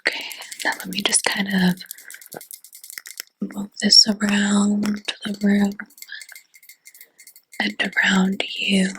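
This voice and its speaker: A woman's voice: medium pitch, completely flat delivery, slow, pauses often, a bit bright, a little hiss or hum, rough recording. A woman whispering in a chatty ASMR roleplay as a fortune teller, with lots of casual fillers.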